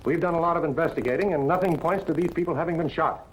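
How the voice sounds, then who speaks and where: A stiff, easily offended colonel who heads the police, played by an actor. His speech is clipped, formal and quick. A faint hiss sits under the old film sound. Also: on the high side, close to an everyday voice, poor audio. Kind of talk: 1940s film acting.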